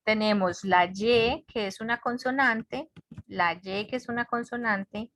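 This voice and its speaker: Woman teacher, unhurried online grammar lesson, patient repeated explanations, dry close sound. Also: on the high side, fairly bright tone, no echo. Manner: patient, repetitive explaining with frequent check-ins. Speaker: English teacher. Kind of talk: online class lecture. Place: home office on a web conference.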